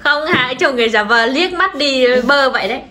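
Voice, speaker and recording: A woman's voice: sits high, expressive, a little fast, sharp tone. A woman chatting casually at a family eating challenge, playfully teasing and coaxing like a mother with small children. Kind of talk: casual family chat during a mukbang. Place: home kitchen, indoors. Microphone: camera across the table. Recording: echoey kitchen, clear background noise.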